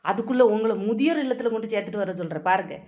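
A woman's voice: mid-range voice, animated, a little mellow, highs cut off, close to an everyday voice. A woman voicing a defiant young daughter-in-law who retorts and mocks. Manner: retorting, mocking, fast talking. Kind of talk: cartoon voice acting.

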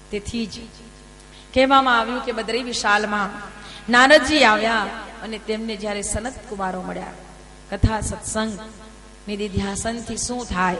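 Bright-voiced woman preaching in a hall. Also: a little high. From Gujarat, India. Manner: emphatic, rhetorical questions, lively asides to listeners. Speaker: scripture storyteller. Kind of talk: devotional sermon storytelling. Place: temple hall. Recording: reverberant hall with faint noise.

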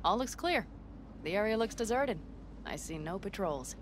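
A woman's voice: mid-range voice, animated, normal speed, lightly acted. A woman playing a tough, practical young outlaw driver in a video game, blunt, dry and confident. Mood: matter-of-fact. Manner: blunt, matter-of-fact, dry. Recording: clear vehicle noise behind voice.

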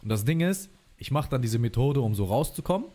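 A man's voice: medium pitch, big pitch swings, brisk, mellow. A man talking as a guest in a casual livestream chat, telling long personal stories in slangy, chatty speech and calling the host brother.

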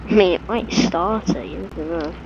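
A woman casually commenting on her own gameplay, muttering to herself in halting bits. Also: on the low side, highs cut off, background noise.

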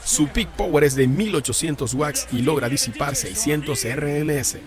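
A slightly high male voice, at a moderate pace and with crowd noise present, reads scripted subwoofer specifications and prices for a car audio channel. He explains the specs and prices evenly over background music.

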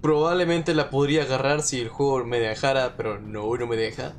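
A man's voice: medium pitch, fairly even intonation, fairly quick. Jumpy Mexican streamer man, noisy stream. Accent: Mexican Spanish. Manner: jumpy, swearing, repeats phrases nervously. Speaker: game streamer. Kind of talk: live let's-play commentary.

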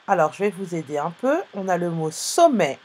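A woman with a lowish, slightly mellow voice and a very animated delivery teaches young pupils phonics in a live online class. She speaks slowly and clearly, patiently spelling out sounds and letters.

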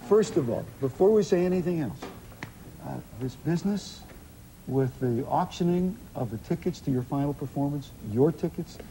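American guy hosting tv chat, middle aged, slightly high voice, bit of background noise. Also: moderate pace, mellow, rough recording. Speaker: talk show host. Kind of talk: lively TV talk show chat. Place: TV studio with audience.

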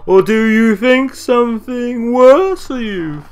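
A man voicing a sinister, mocking old Santa Claus villain in slow, theatrical, drawn-out speech for a story. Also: extremely high pitch, a loud crowd, voice pushed up.

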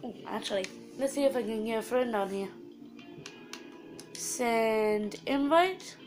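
A woman's voice: fairly high pitch, unhurried, music in the background. A woman with a cough, casually commentating her gameplay to viewers. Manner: chatty, talks to viewers while playing. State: has a cough. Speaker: gaming channel host.

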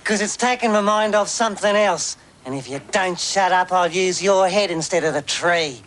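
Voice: medium pitch, moderate pace, fairly bright tone, lightly acted. A man voicing a boastful, greedy male rat in a puppet show, brash and insulting. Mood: pained, grumpy.

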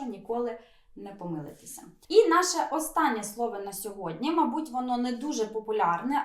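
A woman co-hosting a relaxed language lesson, explaining word meanings patiently and laughing easily. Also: fairly high pitch, roomy sound. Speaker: language teacher co-host.

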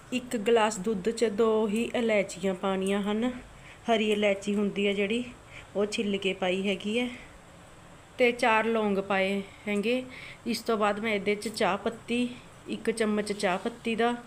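A woman's voice: mid-range voice, fairly even intonation, unhurried, slight background noise. Woman narrating a home cooking vlog. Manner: homely, repetitive step-by-step instructions. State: sore throat. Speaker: cooking channel host. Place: home kitchen.

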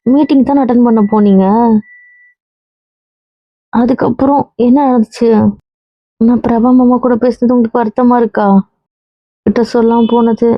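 A woman's voice: on the high side, steady tone, moderate pace, long pauses, no room sound, highs cut off. A woman playing a wife in a scripted family drama, coaxing and teasing her husband.

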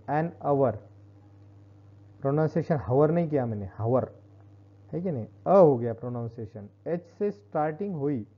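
A man teaching English grammar in a classroom-style lesson, explaining slowly and repeating each point. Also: on the high side. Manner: explains slowly, repeats points, switches between Hindi and Marathi. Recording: dull lo-fi recording.

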